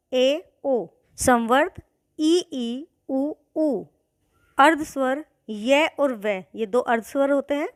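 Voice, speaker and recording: A woman's voice: high voice, dry recording, studio quality. A woman teaching an exam-prep grammar lesson, methodically spelling out sounds one by one.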